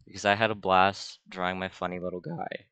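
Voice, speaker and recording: A man's voice: sits low, flat delivery, quick pace, bright, forceful tone, clear, resonant tone, dry recording. A young man, an art student, casually talking through a screen-recorded drawing tutorial in an offhand, self-deprecating way. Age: young adult.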